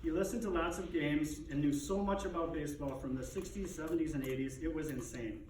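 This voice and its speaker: A man's voice: fairly high pitch, brisk, a little mellow. A man delivers a prepared eulogy as a son, with dignified, restrained grief and wry, fond humor. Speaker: son giving a eulogy for his father. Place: echoey room, speaking to a gathering. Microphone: distant microphone. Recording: echoey, distant, noisy room recording.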